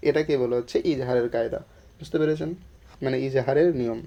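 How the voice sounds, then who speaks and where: A man teaching Quran reading step by step, explaining each rule patiently and then reciting the words slowly and drawn out. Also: mid-range voice, steady tone, mellow. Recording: dull lo-fi sound.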